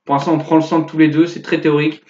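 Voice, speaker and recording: A young man casually commenting on one of his own chess games, thinking aloud with fillers and quick self-corrections. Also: on the high side, flat delivery, darkish tone. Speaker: chess youtuber analyzing his own game. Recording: echoey, dull lo-fi sound.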